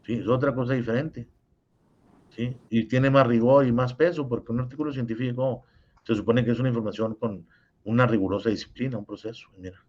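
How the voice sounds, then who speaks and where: A man with a Mexican accent teaching over a video call, explaining each point and repeating it for clarity. His voice sits at an ordinary pitch. The audio comes through dull and lo-fi. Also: fairly even intonation, a little fast, darkish tone. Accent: Mexican Spanish.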